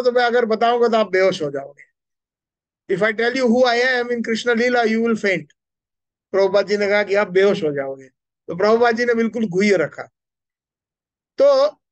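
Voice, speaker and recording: A middle-aged man gives a Hindi devotional lecture as a spiritual speaker in an indoor temple hall, his voice bright and high. He is animated, gesturing and putting questions to the audience. A stand mic sits close to his mouth, so the sound is dry with no echo.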